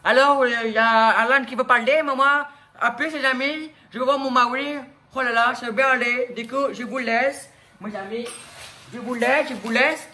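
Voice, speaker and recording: A brash, quick-tempered working-class woman, played by a man, who is a manicurist. She snaps back with threats and bragging in a very high, bright voice. Her talk is combative and boastful throughout. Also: steady tone, exaggerated voice. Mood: chatty. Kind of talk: comedic sketch monologue.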